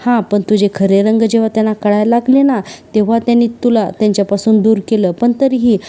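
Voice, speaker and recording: A woman's voice: a little high, fairly even intonation, fast talker, mellow, natural voice. A woman reading the lines of a young woman scolding a relative for her behavior. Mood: reproachful. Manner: scolding, reproachful. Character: reproachful young woman of the house.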